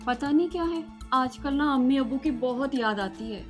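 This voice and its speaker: An actress playing a loving young wife who speaks emotionally and pleadingly. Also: female voice, sits high, moderate pace, soft background music, lightly acted. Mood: wistful. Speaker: actor in a short drama. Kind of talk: Hindi short-film acting.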